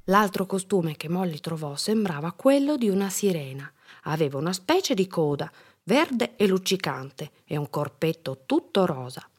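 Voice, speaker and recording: A woman reading a children's story aloud in an expressive storytelling manner. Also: lowish voice, normal speed, breathy edge.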